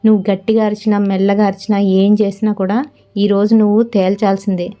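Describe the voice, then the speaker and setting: A woman's voice: mid-range voice, little pitch movement, quick pace, warm tone, close to an everyday voice. A woman voicing a suspicious young wife who demands answers in a confrontational way. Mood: demanding.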